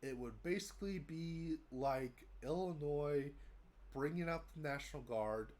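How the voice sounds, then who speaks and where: A young American vlogger with a cold sounds congested as he gives his viewers a casual, rambling update to camera, full of fillers and restarts. His voice is a little high and darkish in tone, with a slightly slow pace.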